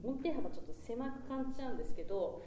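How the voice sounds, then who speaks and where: A woman's voice: lively intonation, quick pace, noisy background. Woman coaching a choir, singing examples. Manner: demonstrates pitches by singing; polite, encouraging corrections. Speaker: choir conductor. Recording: roomy rehearsal hall, mic far off.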